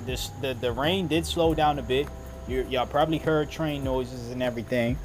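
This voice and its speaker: Male podcast host, conversational and halting, mid-pitched voice, recorded outside among evening crickets. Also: noisy background. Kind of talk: casual solo podcast monologue. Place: outdoors. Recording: outdoor recording with background sound. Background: crickets at night-fall, outdoor ambience.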